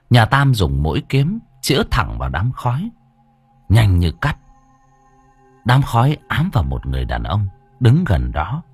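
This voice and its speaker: A man narrating an audiobook story in a lively, expressive way. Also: fairly low pitch, slightly rough, no echo.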